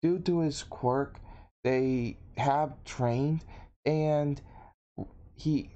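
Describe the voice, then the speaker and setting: A man telling a story in a casual, halting, unscripted way. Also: on the high side, dark tone, lo-fi sound.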